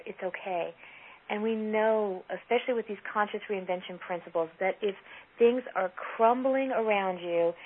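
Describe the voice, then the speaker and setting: A woman host reflects aloud for her listeners, warm and affirming toward her guest. Her voice is thin and narrow, as if it came over a phone line. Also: medium pitch. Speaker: podcast host. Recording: tinny phone-line audio.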